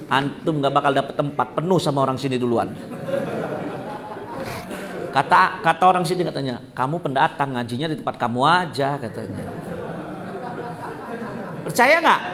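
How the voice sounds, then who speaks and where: Gravelly man preaching with jokes. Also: high-pitched. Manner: animated and joking, asks the audience questions. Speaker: ustadz giving a religious talk. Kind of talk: lively sermon to a live audience. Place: mosque study gathering.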